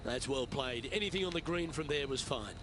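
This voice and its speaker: A man playing a composed golf commentator in a video game, calling play in a polished, measured broadcast style. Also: medium pitch, noisy background, lightly acted. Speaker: golf commentator, lead anchor.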